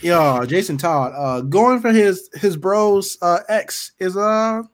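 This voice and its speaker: A man's voice: high-pitched, takes it slowly. A man co-hosting a casual comic book podcast, riffing playfully with crude, slangy frat-bro banter. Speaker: podcast co-host. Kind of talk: casual comedic chat about comic books.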